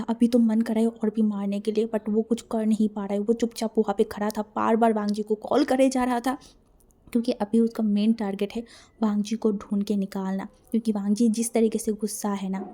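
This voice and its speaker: A woman's voice: on the high side, dark tone. A woman narrating a fan-fiction story in a dramatic way, mixing in English words.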